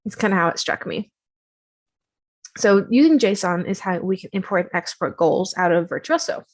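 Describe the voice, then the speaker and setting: A woman casually walking viewers through a software tutorial on her screen, chatty and self-deprecating, with many fillers. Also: medium pitch, expressive, moderate pace.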